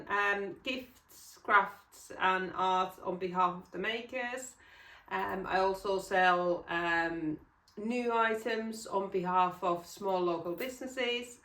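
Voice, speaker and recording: A woman's voice: mid-range voice, sharp tone. Chatty woman in an echoey room. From Finland. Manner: chatty, rambling, with frequent ums and self-corrections. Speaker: knitting podcast host. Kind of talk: casual chat. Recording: roomy echo, mic at a distance.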